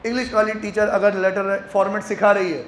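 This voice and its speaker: High-voiced guy teaching accounting to a class, gets the kids chanting answers, roomy echo. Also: fairly quick, slight background noise. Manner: animated, coaxing students into loud call-and-response chants. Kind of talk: classroom lecture. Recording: echoey classroom with faint ambience.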